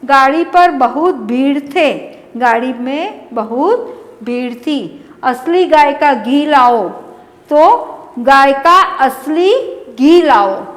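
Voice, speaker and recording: Slow, high-voiced woman teaching grammar. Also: lively intonation, big-room sound. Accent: Indian Hindi. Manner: slow, deliberate reading of word pairs. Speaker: school teacher. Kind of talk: Hindi grammar lesson.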